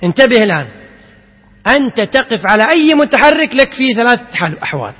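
A man with a very high, bright voice teaches Quranic recitation to a class. He quizzes his students and repeats each rule slowly, chanting verses in a drawn-out way. His voice rings out with a long hall reverb. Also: big pitch swings, husky, muffled recording. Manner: asks students questions and repeats key points slowly.

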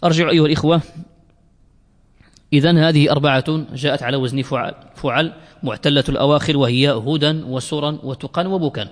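A man with a fairly high voice gives a grammar lecture to a room of students. He works through each point slowly, repeats key words and stretches out his pauses. The sound rings with long reverb from a lecture hall. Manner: explains slowly, repeats words, drawn-out fillers. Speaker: Arabic grammar teacher. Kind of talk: classroom lecture.

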